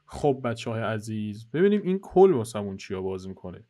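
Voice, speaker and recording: مرد جوان شوخ در حال گزارش بازی. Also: male voice, on the low side, sing-song, warm tone. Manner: joking, teasing, chatty guide to viewers. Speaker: gaming channel host. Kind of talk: casual co-op gameplay commentary. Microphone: headset.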